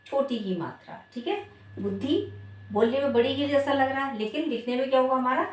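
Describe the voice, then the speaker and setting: A woman's voice: high-pitched, fairly quick. A woman teaching a spelling lesson, asking her students questions and then answering them herself. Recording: echoey room, voice from far off.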